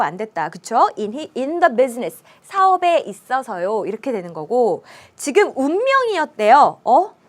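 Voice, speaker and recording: A woman English teacher lecturing on grammar in a high, bright voice. Her pitch jumps around a lot as she throws rhetorical questions at her students and answers them herself. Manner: lively, asks rhetorical questions.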